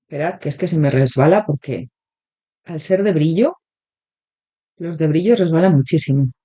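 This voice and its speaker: A tarot reader and channel host with a Spain Spanish accent addresses viewers directly during an interactive reading, her voice sitting low, expressive and mellow. A lingering cold has left her throat sore, and she chats with many filler pauses.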